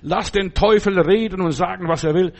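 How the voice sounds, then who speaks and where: A man with a fairly high voice delivering a sermon. He preaches emphatically, hammering home points through repetition. He often pauses to check in with the congregation.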